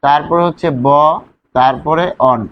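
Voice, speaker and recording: Slow, high-voiced male grammar teacher. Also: dull audio, a little hiss or hum. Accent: Bangladeshi Bengali. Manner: slow, step-by-step explaining with questions to students. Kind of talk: grammar lesson.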